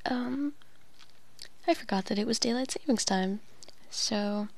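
A woman's voice: fairly high pitch, measured pace, gravelly, dry recording. Woman whispering a late-night voicemail. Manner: soft whispering, rambling with many fillers. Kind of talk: casual, intimate phone message.

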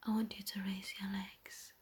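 A woman doing an intimate whispered role-play as a tender, teasing, dominant lover, speaking in a soft, breathy voice. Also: medium pitch, level tone, normal speed. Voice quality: breathy, airy.

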